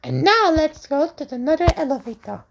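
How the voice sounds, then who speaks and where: A woman's voice: sits high, big pitch swings, moderate pace. A woman giving casual, simple running commentary as she presents a lift tour, recorded on location in a shopping centre. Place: shopping centre lifts and walkways. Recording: noisy handheld on-location recording.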